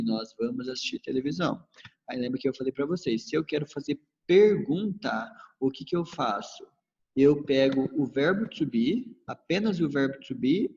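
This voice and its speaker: A man with a Brazilian accent teaching an English grammar lesson, calling himself teacher and slowly drilling example sentences. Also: medium pitch, a little mellow. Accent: Brazilian Portuguese. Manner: calls himself teacher, switches between English and Portuguese, slow drilled examples. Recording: dull lo-fi with long reverb.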